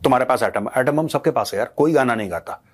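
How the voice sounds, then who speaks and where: Man, political commentator, husky voice, emphatic, mid pitch. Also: fast. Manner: emphatic, mixes in English phrases. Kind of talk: impassioned commentary.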